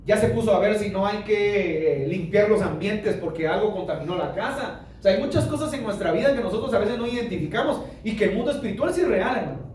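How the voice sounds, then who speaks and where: A high-voiced male pastor preaches in a lively, colloquial way, acting out the people he quotes. He is picked up from a distance in a very echoey church hall with a faint noise underneath. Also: fast talker. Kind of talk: sermon.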